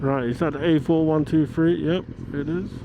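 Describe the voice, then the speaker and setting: A man's voice: a little high, steady tone, moderate pace. A man giving chatty, casual commentary while riding a motorbike, thinking aloud to himself. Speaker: motorcycle vlogger. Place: outdoors, riding a motorbike in traffic. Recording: noisy road, traffic and engine noise.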